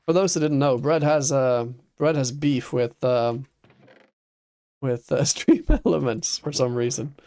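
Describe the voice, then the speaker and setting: A man streams a building game, chatting casually with viewers, thinking aloud and laughing easily. He has a medium-pitched, dark voice and speaks a little slowly.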